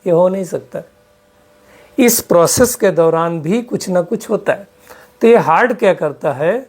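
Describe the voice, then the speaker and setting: A man's voice: high-pitched, darkish tone. A man giving a spiritual health talk to a live audience, asking them question after question and mixing English terms into his speech. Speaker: spiritual teacher.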